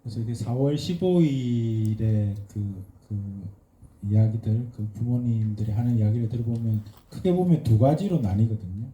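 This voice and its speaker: A man's voice: mid-range voice, normal speed, warm tone, echoey room, slight background noise, low-quality recording. A man, a guest writer at a post-screening talk, speaking thoughtfully with many fillers and restarts. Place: event hall.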